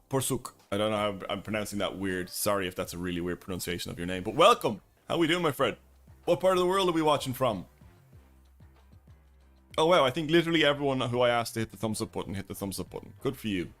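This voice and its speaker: Male streamer, mid pitch, chatty play-by-play over faint background music. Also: a bit bright. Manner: chatty, thinking aloud, greets chat viewers. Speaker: streamer and YouTube host. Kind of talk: casual live-stream gameplay commentary.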